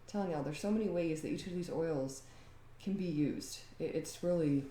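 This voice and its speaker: A home DIY vlogger chats casually while showing off a homemade recipe, rambling on and laughing often. Her voice is low and warm at a normal speed, with a reverberant sound and a bit of hiss or hum.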